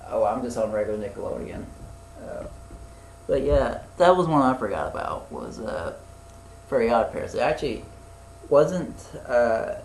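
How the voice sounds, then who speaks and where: A man's voice: medium pitch, vocal fry, a little mellow. A man in his twenties chatting casually as a podcast co-host, rambling and a bit profane, with many fillers. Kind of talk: casual chat. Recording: echoey room with faint noise.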